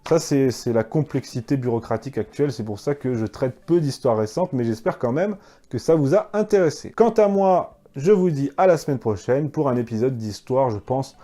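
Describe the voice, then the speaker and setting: A man narrates history in a low-key, mellow voice, then turns blunt and mocking as he argues with his critics. He talks straight to the listener, throwing in sarcastic asides. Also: lively intonation, moderate pace. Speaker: history video host.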